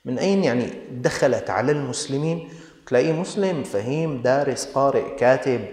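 Fast-talking Levantine man preaching in an echoey hall. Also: medium pitch, animated, a little mellow. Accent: Levantine Arabic. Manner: rhetorical, scolding questions to the congregation. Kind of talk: sermon.

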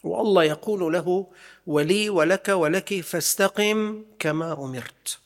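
A man's voice: high voice, unhurried. A man giving a religious lesson, emphatic and full of repeated rhetorical questions. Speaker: religious teacher.

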